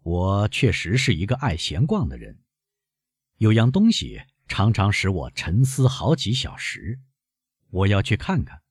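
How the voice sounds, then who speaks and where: A suave, mysterious count, as a male narrator voices him, measured and courtly, unhurried in his turns of phrase. His husky, low voice rises and falls widely, recorded dry and close. He comes from a storybook reading. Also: big pitch swings, no echo, heavily acted.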